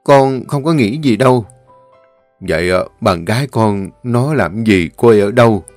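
A man voicing a stern, grief-stricken elderly father, scolding and shouting at his son. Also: lowish voice, animated, normal speed, dry recording, soft background music, lightly acted.

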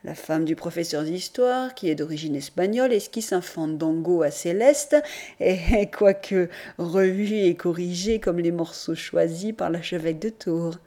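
A woman reading a novel aloud as an audiobook narrator, in a measured, expressive literary manner. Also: on the low side. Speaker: audiobook reader.

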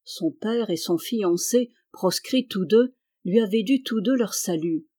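A reader narrating a classic historical novel in a steady, measured way. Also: mid-range voice. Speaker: audiobook reader.

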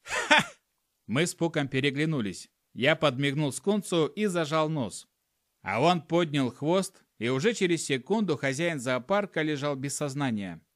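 A man's voice: on the high side, animated, normal speed, no room sound, clean studio sound. A man narrating a humorous first-person audiobook in a wry storytelling manner. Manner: wry storytelling with acted dialogue.

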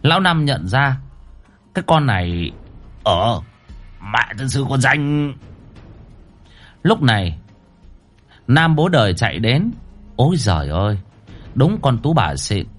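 A man's voice: slow, pauses often, faint music behind. A man narrating a horror story dramatically. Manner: animated, swinging pitch for drama.

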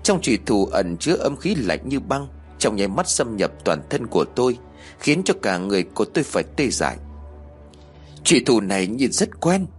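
A man narrating a serialized audiobook in a steady storytelling manner. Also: fairly low pitch, brisk, faint music behind.

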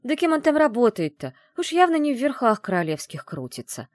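A woman's voice: mid-range voice, lively intonation, brisk, darkish tone, dry recording, clean studio sound, pitched above the performer's own voice, lightly acted. A woman reading the part of a snappy, indignant young witch heroine in an audiobook. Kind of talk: audiobook character voice.

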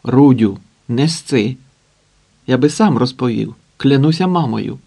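Guy reading a cocky young mechanic, blunt slangy talk, mellow voice. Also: medium pitch, lively intonation, unhurried, vocal fry, slightly rough, exaggerated voice. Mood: persuading.

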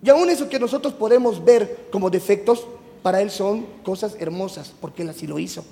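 A man with a Mexican Spanish accent gives a youth sermon, chatty and teasing and firing questions at the crowd. His voice sits high with a gravelly edge. The long reverb of a church hall trails every phrase. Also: a little fast, warm tone. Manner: chatty, teasing, quizzes the audience. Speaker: youth preacher. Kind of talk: youth sermon to a live congregation.

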